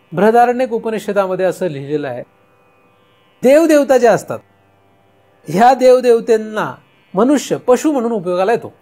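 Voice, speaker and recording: A spiritual teacher from India with a Marathi accent and a high, slightly mellow voice gives a discourse. He poses rhetorical questions and answers them himself, with faint music in the background.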